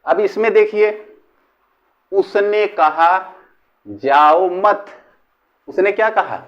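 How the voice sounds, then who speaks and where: A man's voice: high voice, highs cut off. A man teaching a Hindi grammar lesson, repeating and drawing out each example phrase word by word. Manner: slow, repetitive, drawing out example sentences word by word. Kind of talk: classroom-style lesson explaining a figure of speech.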